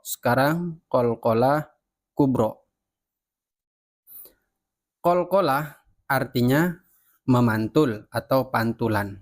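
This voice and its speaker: Slow, patient man teaching recitation. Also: medium pitch. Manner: patient, repeats each example slowly, corrects himself. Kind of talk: slow step-by-step tajwid lesson.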